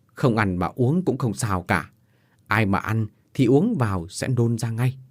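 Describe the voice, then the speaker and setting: A man voicing a brisk, firm village spirit medium giving instructions in a spoken ghost story. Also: fairly low pitch, lively intonation, dry recording, clean studio sound. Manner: brisk, matter-of-fact instructions.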